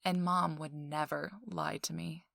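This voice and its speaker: A woman plays a feisty, self-assured young socialite in an intimate ASMR audio roleplay, slow and teasing with dry sarcasm, now and then drifting toward a whisper. Her low, steady voice is creaky yet fairly bright, heavily acted, wry and confiding, recorded dry.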